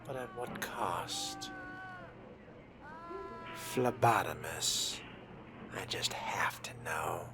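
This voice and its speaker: Whispering in a low voice, a man narrates a role-playing game in character, his pompous, disdainful persona using formal wording. He's animated, draws out his words, and pauses often.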